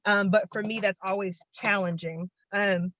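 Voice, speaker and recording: A woman's voice: medium pitch, fairly even intonation, moderate pace, sharp tone, lo-fi sound. A young woman, out of breath, sharing a long-winded, earnest and enthusiastic testimonial on a video call. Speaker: program participant.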